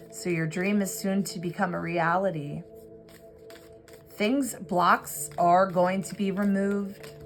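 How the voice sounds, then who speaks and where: Woman, lower voice, tarot reader, earnest, reflective, music bed behind. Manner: earnest, reflective, slow with fillers. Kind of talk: channeled tarot reading. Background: background music.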